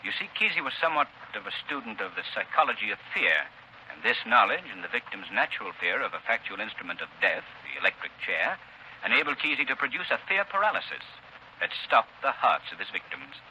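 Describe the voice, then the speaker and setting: Mocking invisible crime-fighter, theatrical and deliberate, intensely bright tone, vintage radio thriller, slight background noise. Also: male voice, on the low side, very animated, exaggerated voice. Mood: calm, explanatory. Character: menacing, mocking invisible crime-fighter, commanding and relentless man. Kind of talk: 1930s radio thriller acting. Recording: noisy vintage 1930s radio broadcast recording.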